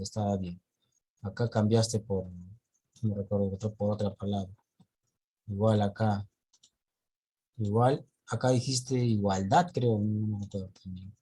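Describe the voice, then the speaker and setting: A man's voice: fairly low pitch, steady tone, measured pace, pauses often, mellow, breathy edge. A male teacher on a video call, going through his students' reading mistakes point by point. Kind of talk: online reading class feedback.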